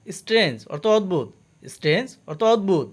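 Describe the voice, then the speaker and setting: Speaking in a high, husky voice with lively intonation, a man from Bangladesh drills English vocabulary. He goes slowly and carefully, giving each word and its meaning twice and explaining pronunciation along the way.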